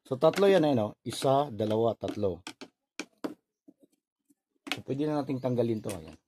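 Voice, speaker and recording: A man with a Filipino accent narrates an informal hands-on repair tutorial in short, step-by-step phrases. His medium-pitched voice is animated at a moderate pace, and the recording is noisy with clicks.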